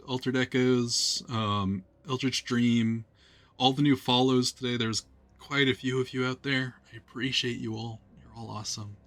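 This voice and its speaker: A man's voice: mid-range voice, fairly bright tone. A man hosting a live stream as game master, thanking players and viewers with frequent fillers. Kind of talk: closing remarks on a live stream.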